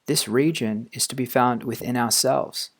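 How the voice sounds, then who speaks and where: Man quietly reading aloud, measured. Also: medium pitch. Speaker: audiobook reader. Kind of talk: quiet scripted reading of a philosophy text.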